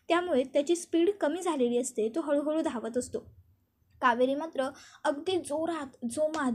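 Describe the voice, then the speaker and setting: A woman retelling a TV serial episode as a story, narrating the scenes and reading the characters' lines aloud. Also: sits high.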